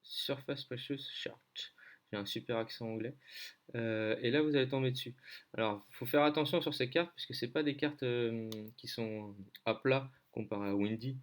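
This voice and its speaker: A man's voice: mid-range voice, normal speed. A man from France giving a casual screen-share lesson on weather maps, hesitant, with many fillers as he thinks aloud. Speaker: weather-map tutor.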